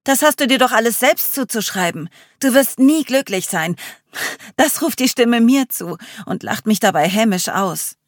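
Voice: medium pitch, animated, moderate pace, hardly any pauses, dry recording, clean studio sound, pitched above the performer's own voice, lightly acted. A reader voicing Charlie, who speaks as a harsh, mocking inner voice in an audiobook. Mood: scornful. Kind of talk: audiobook reading.

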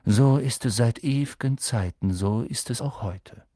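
A man voicing a melancholy, cryptic male centaur in an audiobook, speaking slowly and solemnly. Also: mid-range voice, mellow, no room sound, clean studio sound, lightly acted. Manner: slow, solemn, evasive. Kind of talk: audiobook character voice.

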